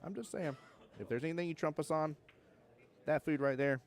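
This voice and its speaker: A man's voice: fairly high pitch, fairly quick. A young man from Georgia with a Southern accent, commentating a pool tournament on a live stream and chatting with viewers in a joking, laid-back way. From Georgia, USA. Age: young adult.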